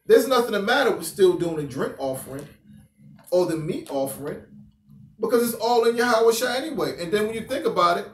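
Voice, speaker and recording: A man leading a Bible study discussion, emphatic and quick to repeat his words. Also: high-pitched, animated, reverberant, recorded from a distance. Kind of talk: teaching discussion.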